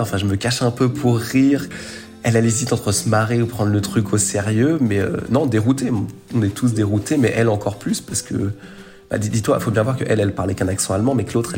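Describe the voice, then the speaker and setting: A man's voice: lowish voice, a little mellow. A young man telling a personal story in a casual, rambling way, full of fillers and slang. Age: young adult.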